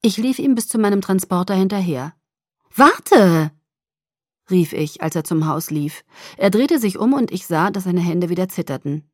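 A woman's voice: lowish voice, animated, a little fast, mellow, no room sound, clean studio sound. A woman narrating a novel in the first person, reading with emotional expression. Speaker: audiobook narrator.

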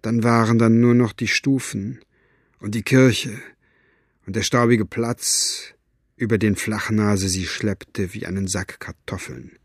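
Husky-voiced male audiobook narrator. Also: lowish voice, fairly even intonation, slow pace, dry recording, clean studio sound. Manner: dramatic storytelling. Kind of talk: scripted narration.

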